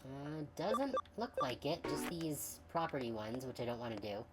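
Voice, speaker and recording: A woman's voice: extremely low pitch, very animated, moderate pace, heavy background noise. A woman streamer giving casual, wry commentary while playing a game, with game music behind her. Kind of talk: let's play commentary.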